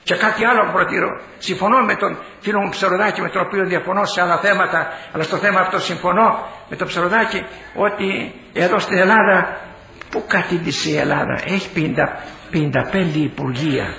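Older male bishop, fiery sermon, repeats phrases, high bright voice, dull echoey hall recording. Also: gravelly, a little hiss or hum. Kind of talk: impassioned sermon-style speech. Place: large hall.

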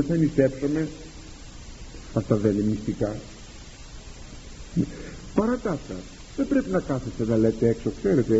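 A Greek priest giving a sermon to his congregation, animated and rhetorical, acting out quoted exchanges with the faithful. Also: on the high side, muffled recording, a little hiss or hum. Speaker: priest and confessor.

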